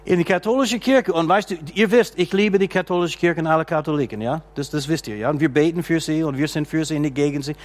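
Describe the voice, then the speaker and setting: Man, pastor, high voice, emphatic sermon, slow deliberate delivery, repeats phrases, shouts amen and hallelujah. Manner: slow, deliberate preaching with drawn-out lines.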